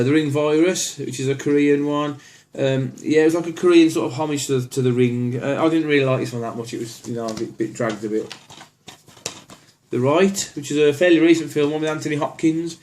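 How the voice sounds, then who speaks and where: A man's voice: medium pitch, a little mellow. A man casually walking through his horror film collection, rambling with many ums and restarts. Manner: easygoing, plainspoken opinions.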